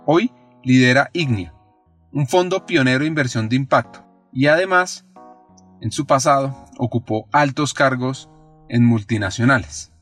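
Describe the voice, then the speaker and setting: A man hosting a podcast, reading scripted narration in a clear, measured way. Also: mid-range voice, animated, a bit bright, soft background music. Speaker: podcast host.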